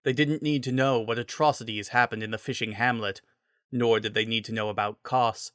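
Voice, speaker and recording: A man's voice: mid-range voice, steady tone, brisk, fairly bright tone, no echo, clean studio sound. A man reading a scripted story as its narrator, in a dramatic style.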